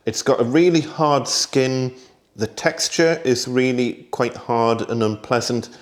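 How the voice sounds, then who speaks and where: A British man hosting a casual gardening vlog, chatty and relaxed, thinking aloud with small asides and talking while he tastes food. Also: fairly low pitch. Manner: talks while tasting food. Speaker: gardening vlogger.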